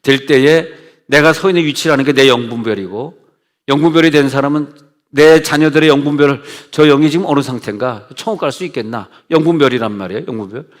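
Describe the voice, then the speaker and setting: A man's voice: medium pitch, fast. Preaching man in an echoing church. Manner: conversational preaching, switches between shouting commands and hushed asides. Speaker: pastor. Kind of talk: sermon. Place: church sanctuary. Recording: long church reverb.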